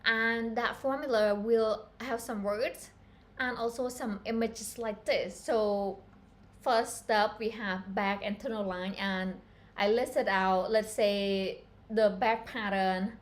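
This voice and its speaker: A woman hosts a casual live-stream lesson, speaking in an unhurried, deliberate way at a middle pitch. She is chatty and earnest and keeps calling her viewers "guys" as she explains. The tone is friendly and instructional. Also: fairly even intonation. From Cambodia. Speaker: fashion pattern-making instructor.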